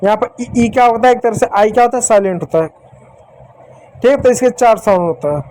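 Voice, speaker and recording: A man's voice: very high voice, darkish tone, low-quality recording. A man teaching English letter sounds to children in Hindi, patient and repetitive, stopping often to check understanding. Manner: slow, patient, repeats example words and checks with "ठीक". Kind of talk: Hindi phonics lesson for children.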